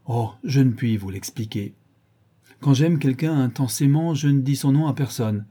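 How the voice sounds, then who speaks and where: A man's voice: medium pitch, moderate pace, dark tone, slightly rough, natural voice. A man voicing an earnest, secretive young painter who speaks in a confiding way.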